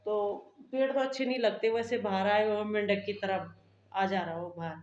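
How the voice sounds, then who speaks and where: A woman's voice: medium pitch, fairly even intonation, normal speed, darkish tone, muffled recording. A middle-aged woman chatting casually to her viewers in a family vlog, recorded on a phone at home. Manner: chatty, homely, talks straight to viewers. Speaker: family vlogger. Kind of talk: casual chat to camera. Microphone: phone camera. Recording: echoey room with faint background ambience.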